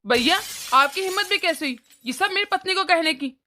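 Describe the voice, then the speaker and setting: A woman's voice: very high-pitched, lively intonation, a little fast, bright, forceful tone, slight background noise, heavily acted. A woman voicing a hot-tempered younger brother in a cartoon story, indignant and threatening.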